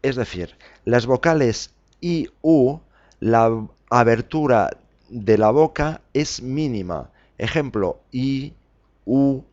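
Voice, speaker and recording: A man hosting a podcast lesson, slowly spelling out letters and examples with frequent fillers. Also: medium pitch, lively intonation, darkish tone, muffled recording. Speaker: Spanish teacher podcast host.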